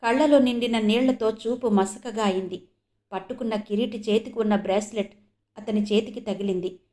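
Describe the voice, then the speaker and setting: A woman from Andhra Pradesh narrates a detective audio novel. Her telling is steady and measured, and her voice sits slightly high. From Andhra Pradesh, India.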